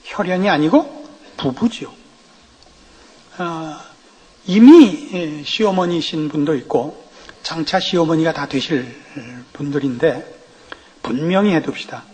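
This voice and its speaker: A man's voice: fairly high pitch, slow, long pauses, darkish tone, husky. A middle-aged man preaching an expository sermon, telling humorous anecdotes and asking the congregation rhetorical questions. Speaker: pastor. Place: church sanctuary. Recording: reverberant church hall.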